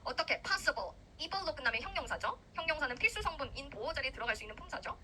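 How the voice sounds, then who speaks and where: Young woman, grammar lecturer: high, fast and animated, acts out her examples. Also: slight background noise, rough recording. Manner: lively, animated, acts out grammar parts in quarrelling voices. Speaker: English grammar teacher for civil service exam students. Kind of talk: recorded lecture.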